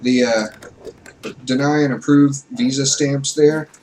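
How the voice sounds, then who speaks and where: A man's voice: mid-range voice, fairly even intonation, a little slow. A man hosting a casual let's play at home, explaining the game in a conversational way with fillers, heard with faint noise from a distant mic. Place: home, with his wife.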